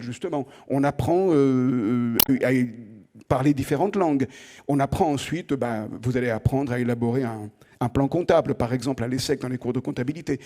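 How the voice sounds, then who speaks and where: A middle-aged Frenchman with a mellow, slightly high voice opens a lecture for students in a chatty, lively style. He often puts direct questions to the room and repeats words while he thinks.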